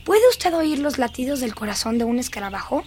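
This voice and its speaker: A woman's voice: high-pitched, animated, a little fast, a little mellow, a little hiss or hum. A woman dubbing a dreamy, eerie little girl who is fascinated by dead beetles, in a lingering, singsong, childlike way. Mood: chatty. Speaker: dubbing actress. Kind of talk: film dubbing.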